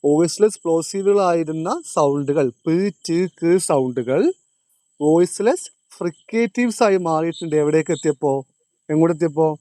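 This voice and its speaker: A male teacher, lecturing in a classroom, quizzing his students and repeating each point, slowing down on key terms. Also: a little high, mellow, no room sound.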